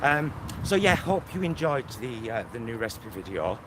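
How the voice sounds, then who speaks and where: A man with a mid-range, sing-song voice vlogs at a moderate pace while strolling his neighbourhood street, phone held out on a selfie stick. It's loose, rambling chat thick with fillers, recorded on the phone amid traffic and street noise.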